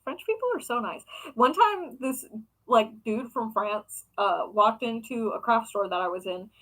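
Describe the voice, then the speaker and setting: A young woman talks casually to her viewers about her craft work, wandering from one point to the next with plenty of fillers. Her voice sits a little high and sounds bright and forward. She keeps an easygoing, chatty tone throughout. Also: animated, measured pace, rough recording. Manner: chatty, rambling with many fillers. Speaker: craft shop owner and vlogger. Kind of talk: casual chat answering viewers.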